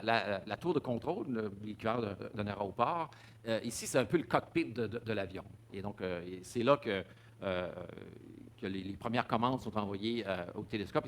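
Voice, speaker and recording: A man's voice: lowish voice, a bit bright, a little hiss or hum. A man giving a public talk, stumbling over repeated words and fillers. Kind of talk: public lecture with slides.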